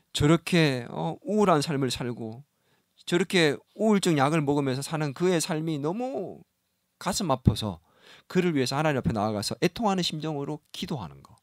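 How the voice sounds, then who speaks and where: Animated, high-voiced pastor preaching. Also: male voice, dry recording, clean studio sound. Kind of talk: sermon. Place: church sanctuary.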